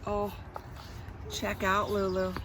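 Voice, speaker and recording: A woman with a medium-pitched voice reads a children's story aloud slowly, using expressive, dramatic emphasis. She makes chatty asides to her listeners, and the background is noisy.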